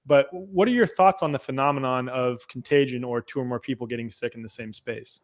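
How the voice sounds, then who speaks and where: A man's voice: medium pitch, a little fast. A man hosting an interview podcast, sounding stuffed up, asking his questions hesitantly with fillers and repeated words. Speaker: podcast host.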